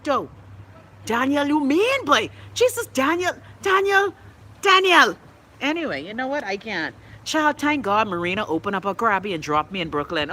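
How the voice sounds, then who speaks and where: A middle-aged woman from the Bahamas, her voice pitched on the high side, hosts an online show with a little hiss or hum behind her. In her Bahamian accent she reads comments aloud and gives blunt, animated answers, swearing freely and breaking off in coughing fits during this casual live-stream talk.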